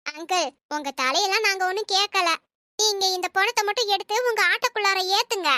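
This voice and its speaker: A woman voicing a bossy, quick-tempered old auntie in an animated comedy, scolding and bickering with sarcastic jabs. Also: very high voice, no room sound, clean studio sound.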